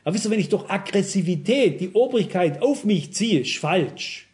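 A man with a high-pitched voice delivers a sermon to a congregation. He reasons carefully through examples and reads Bible passages aloud. He keeps turning to his listeners with "wisst ihr?". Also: expressive, darkish tone. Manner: measured, cautious reasoning with examples. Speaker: preacher.

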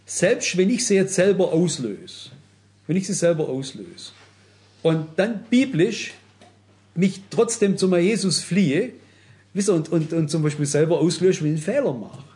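A man's voice: high voice, expressive, moderate pace, dark tone. A man preaching a sermon, earnestly addressing his listeners and often turning to them directly.

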